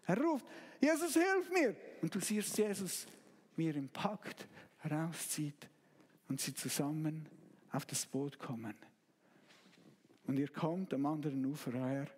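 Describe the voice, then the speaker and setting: High-voiced pastor guy preaching slow and dramatic, big hall echo. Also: slightly rough. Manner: slow, dramatic storytelling with sudden loud outbursts. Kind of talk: sermon with guided retelling.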